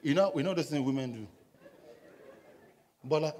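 Speaking at a normal speed with slight background noise, a young pastor with a Nigerian English accent leads a call-and-response sermon. He moves around the stage of a large church auditorium with a handheld mic, getting the congregation to read aloud, sometimes emphatic and loud, sometimes dropping into soft asides.

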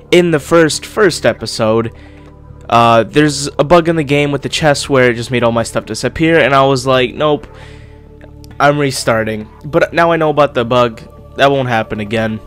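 Speaking at an ordinary pace in a medium pitch, a young gaming host gives relaxed let's-play commentary over soft music. He's recovering from an illness, and the congestion and his swollen lip both show in his speech.

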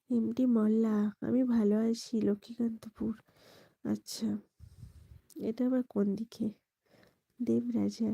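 A woman from West Bengal hosting a late-night live stream from home on her phone, talking softly and hushed while she greets viewers by name and asks them to like and subscribe. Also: on the high side, creaky, no echo, low-quality recording. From West Bengal, India. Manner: soft, hushed talk near a whisper.

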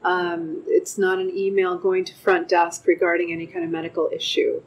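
An older woman, a clinic manager, gives an unscripted customer testimonial in a measured way, pausing often with "um", seated indoors with a lapel mic. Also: on the low side, little pitch movement, breathy edge, poor audio. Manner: measured, frequent "um" pauses. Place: wood-paneled room with large windows, indoors.

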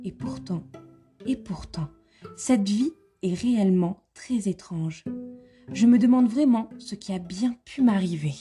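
A woman's voice: medium pitch, lively intonation, moderate pace, mellow, soft background music, close to an everyday voice. A woman voicing a curious young girl in a storybook reading, musing aloud to herself in a wondering tone.

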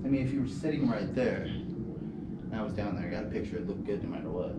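A man's voice: fairly low pitch, brisk. A man exploring an abandoned powerhouse at night, chatting casually and cracking wry jokes into a handheld camera. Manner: wry joking remarks. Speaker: urban explorer. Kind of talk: casual chat while exploring. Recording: echoey building with noise.

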